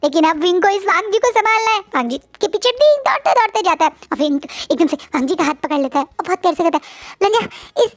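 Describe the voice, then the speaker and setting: A woman's voice: very high-pitched, animated, fast, few pauses, no room sound. A woman retelling a fan story in a chatty, casual way with conversational asides.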